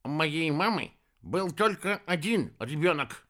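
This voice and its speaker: A man's voice: on the high side, big pitch swings, unhurried, pushed and bright, pitched above the performer's own voice, heavily acted. A man voicing a touchy, grumpy wild ostrich who answers sharply.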